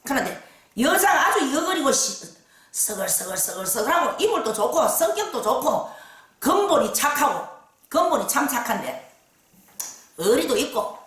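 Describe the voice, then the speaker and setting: A woman fortune teller with a Gyeongsang accent telling the story of a client in lively dialect, with many fillers. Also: sits high, normal speed, recorded from a distance. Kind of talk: storytelling case account. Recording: very echoey room.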